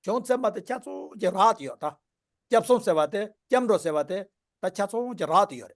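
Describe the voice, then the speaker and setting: A man teaching a Buddhist dharma class, reading and explaining a text in measured phrases. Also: sits high, expressive.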